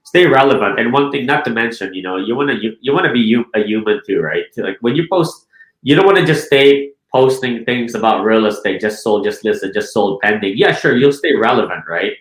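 A man from the Philippines who heads a real estate team speaks casually in an interview, a little fast and animated in a fairly low voice. He repeats words, restarts sentences and frequently checks with "right?" The recording is rough, in an echoey room.

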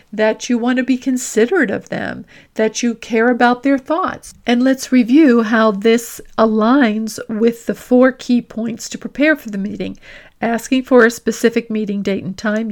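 Her voice a little high, a female career coach and host delivers a teaching monologue, laying out each point with deliberate emphasis.

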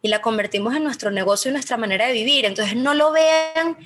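A woman's voice: on the high side, fairly quick, fairly bright tone, slight background noise. A woman, a guest in a conversational interview, telling her story expressively and acting out the voices she quotes.

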